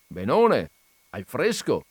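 A stubborn, sly tinker drawls his answers slowly and placidly, as a man puts him on. His voice has a lively lilt with a hint of mockery. The sound is dry and close. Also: medium pitch, husky, dry recording, full character voice.

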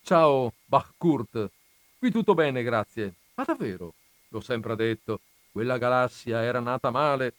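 A man voicing a relaxed alien father who explains things in a chatty way. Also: medium pitch, measured pace, no room sound. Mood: chatting. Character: alien father, many-armed cosmic controller, easygoing.

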